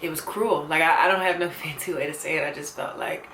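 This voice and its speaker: A vlogger in her twenties speaks candidly into her camera mic, earnest and reflective, often dropping "like" and "you know." Her deep voice is steady, quick and a bit bright, recorded in an echoey room with slight background noise.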